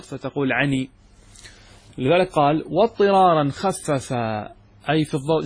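A man with a slightly husky, grainy voice lectures on grammar in an explanatory classroom manner. He walks through each point patiently and keeps checking that his listeners follow. The sound is dry and close, with little room echo. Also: mid-range voice. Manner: explains step by step, often checking understanding with questions. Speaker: sheikh teaching Arabic grammar.

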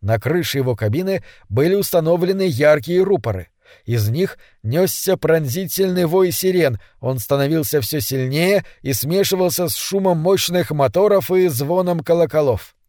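Brief: male storyteller, slightly high voice, measured delivery, dry recording. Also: expressive, darkish tone, no echo. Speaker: narrator. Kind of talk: scripted story narration.

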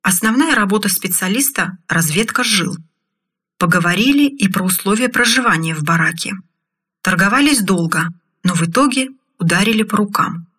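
Audiobook narrator: a woman with a husky voice and a steady, even read. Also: mid-range voice, moderate pace.

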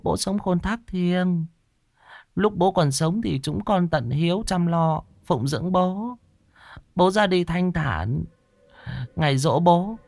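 A man voicing a shrill, hot-tempered village woman in a ghost story. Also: a little mellow, dry recording, heavily acted.

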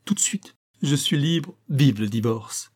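Guy doing a giddy gossipy young wife, mellow voice, lively telling. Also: medium pitch, unhurried. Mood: gleeful. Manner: gossipy, breathless with amusement when retelling. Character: young society wife, mischievous and gleeful.

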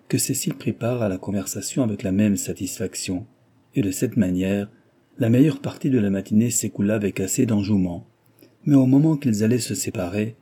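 A man narrates a classic novel in a steady, even way. His voice is very dark and mellow with a husky edge, and it sits somewhat low in pitch. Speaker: audiobook narrator.

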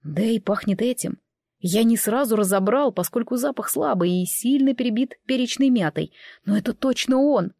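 A grim, protective man speaks tersely and urgently, as a woman narrating a storybook gives him lines. The voice stays close to her own, moderately high. The recording is dry and close. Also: moderate pace, dark tone, dry recording.

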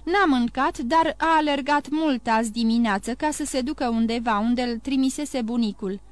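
A woman's voice: a little high, close to an everyday voice. A woman voicing a frightened, desperate young woman crying out urgently for help. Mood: anxious.

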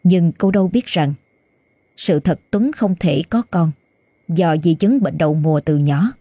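A woman narrating a ghost story in a steady, even telling. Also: on the low side, a little slow, no room sound, clean studio sound.

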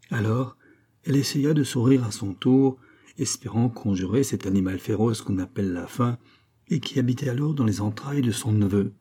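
Guy reading an old novel out loud, dark husky voice, steady storyteller. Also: fairly low pitch. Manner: measured, expressive storytelling. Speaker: audiobook narrator. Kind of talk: literary audiobook narration.

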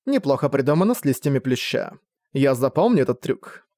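A man voicing a reserved young alchemist who speaks slowly and softly with quiet composure. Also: medium pitch, sing-song, no room sound, studio quality, lightly acted. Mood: composed.

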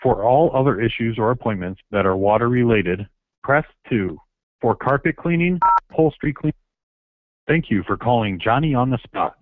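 A man's voice: mid-range voice, normal speed, no echo. A man giving a formal, scripted recorded greeting for a business phone menu, heard over a landline phone. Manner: even, formal recorded announcement. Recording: narrow, dry phone-line sound.

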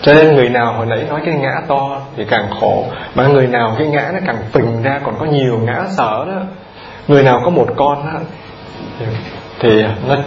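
Speaking to lay people, the monk delivers an informal dharma talk, repeating himself and questioning listeners directly. He has a mid-range voice with a little background noise. The audience is captured in a roomy, dull, lo-fi recording.

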